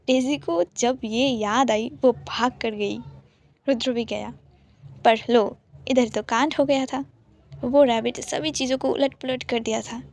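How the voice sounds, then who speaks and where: A woman narrating a romance story in a calm, soft-spoken way. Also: fairly high pitch, creaky.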